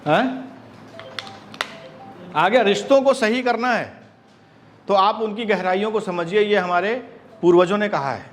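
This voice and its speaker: A man teaching an acting class in a lively lecture style, acting out bits of dialogue with laughs along the way. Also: sits high, a little slow, long pauses, soft background music. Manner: animated, acts out quoted dialogue with laughs. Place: classroom with students.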